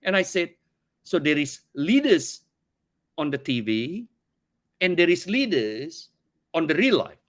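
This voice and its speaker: A man's voice: on the high side, sing-song, a little slow, pauses often. A middle-aged man from Indonesia, English as a second language, earnestly telling his story in an interview, often repeating words as he searches for phrasing. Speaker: company CEO, podcast guest. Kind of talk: conversational interview.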